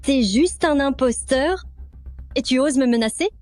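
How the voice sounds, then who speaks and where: A woman's voice: animated, measured pace, over music. A woman dubbing an arrogant young female schemer who pretends to be the boss's wife, in a contemptuous manner. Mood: scornful. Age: young adult. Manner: contemptuous, shrill. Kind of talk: French drama dubbing.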